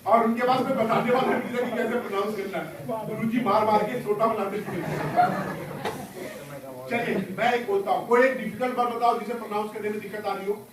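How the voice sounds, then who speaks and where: A hoarse man leading a school workshop, quizzing pupils with call-and-response questions in a classroom. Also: high-pitched, fairly even intonation, fairly quick, far from the mic. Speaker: workshop trainer. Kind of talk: classroom talk to students. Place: large echoing school classroom. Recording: echoey classroom taped from afar, student chatter. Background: students murmuring.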